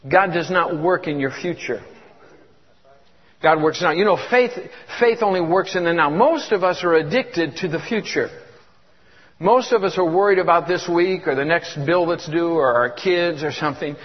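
This guest preacher is a man in his fifties with a slightly high voice and a moderate pace, fervently repeating words and urging the congregation to respond during his sermon. He's in a church, captured in an echoey hall with dull, lo-fi audio.

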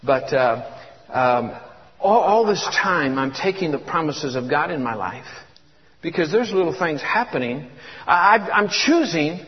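Fervent high-voiced preacher man in his 50s. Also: lively intonation, a little slow, breathy edge. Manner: fervent, repeats words, calls for congregation responses. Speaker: guest preacher. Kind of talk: sermon. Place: church. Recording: echoey hall, dull lo-fi sound.

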